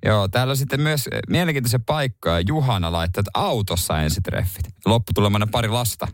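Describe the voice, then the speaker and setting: A man co-hosting a morning radio show, bantering in a lively, jokey way into a studio microphone. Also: on the low side, no room sound. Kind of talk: casual radio chat.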